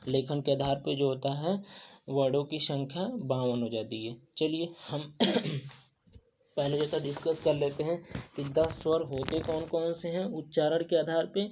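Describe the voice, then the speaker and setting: A man's voice: fairly high pitch, fairly even intonation, a little slow, darkish tone, slight background noise. A young man teaching an exam-prep lesson, talking through a whiteboard and stuffing almost every phrase with habitual fillers. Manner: filler-heavy, repeats "jo tha" and "jo hota hai". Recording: dull lo-fi sound.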